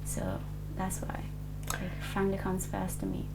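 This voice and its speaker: A woman's voice: mid-range voice, animated, measured pace, music in the background, low-quality recording. A woman in her twenties from Nepal, answering an oral history interview hesitantly, with many fillers and restarts. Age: 20s.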